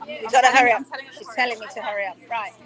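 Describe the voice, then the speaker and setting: A woman talks very fast in a fairly high, slightly bright voice with a steady tone, while some chatter goes on behind her. She's leading a live-streamed hoof-trimming workshop shot on a phone indoors, emphatically testing her students and reading viewer comments out loud.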